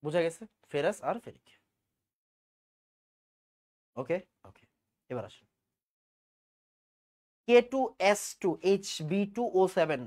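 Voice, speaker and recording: A man's voice: high voice, darkish tone. A man teaching a chemistry exam-prep lecture, drilling terms by repetition and answering his own questions.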